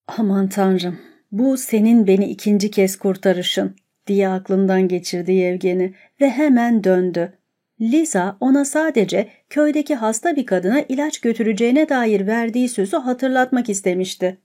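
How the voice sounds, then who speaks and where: A woman narrating a novel aloud as an audiobook in a calm, measured reading. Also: medium pitch.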